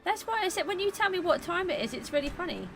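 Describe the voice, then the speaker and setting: A very high, very animated woman's voice, fast and gravelly, comes over music. She's a gaming livestreamer from England with a British accent, chatting casually during a building game and thinking aloud with plenty of ums.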